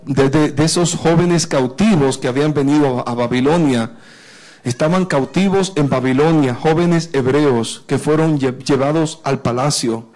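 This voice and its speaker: A man with a Dominican accent delivers an informal sermon, his voice sitting fairly high. He rambles and restarts, calling on people in the room by name in a lively, conversational way. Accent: Dominican Spanish. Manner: animated, chatty, addresses listeners by name, many restarts. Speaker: preacher.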